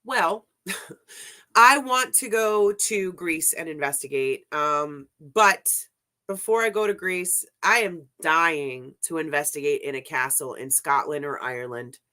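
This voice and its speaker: A woman in her forties, a ghost hunter guest, telling lively stories in casual chat, laughing often and saying "like" a lot. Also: sits low, measured pace. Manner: animated storyteller, laughs often, says like a lot.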